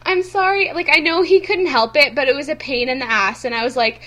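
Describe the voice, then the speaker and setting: Young woman, podcast co-host, giggly rambling chat, very high pitch, bright sharp tone. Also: fast. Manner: giggly, rambling, self-deprecating. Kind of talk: casual chat.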